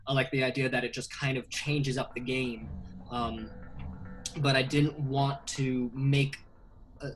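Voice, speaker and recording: A man in his thirties from Indonesia, an animated filmmaker hosting a casual video-call interview from a small bedroom, talking with many fillers. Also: mid-range voice, low-quality recording. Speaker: filmmaker and host. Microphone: webcam video call.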